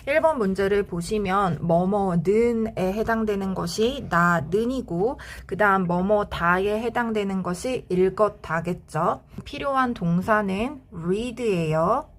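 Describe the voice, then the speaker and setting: 천천히 또박또박 설명하는 여자 선생님. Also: female voice, medium pitch. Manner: slow, patient, explains step by step. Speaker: English grammar teacher. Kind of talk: scripted grammar lesson.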